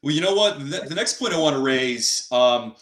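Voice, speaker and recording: This interview host's voice is fairly high and bright, with lively intonation at a normal speed. He rambles at length, leaning on "you know" and other fillers, in a roomy-sounding recording.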